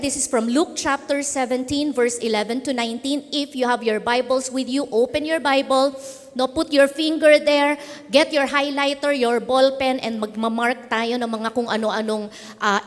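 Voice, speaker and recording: A woman's voice: sits high, normal speed. A woman with a Filipino accent preaching an interactive sermon to young people, teasing and quizzing her listeners. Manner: playful, teasing, quizzes the audience. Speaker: youth pastor. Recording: long hall reverb.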